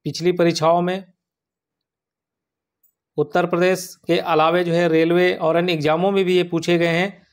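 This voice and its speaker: A man with a fairly high voice takes learners through a spelling lesson for an exam. He explains slowly and patiently, and he says each word more than once so it sticks. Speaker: exam prep teacher.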